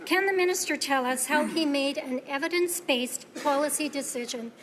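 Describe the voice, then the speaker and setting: A woman's voice: high voice, moderate pace. A woman who is an opposition member of parliament, delivering a prepared formal question. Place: large legislative chamber. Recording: echoey hall, crowd behind.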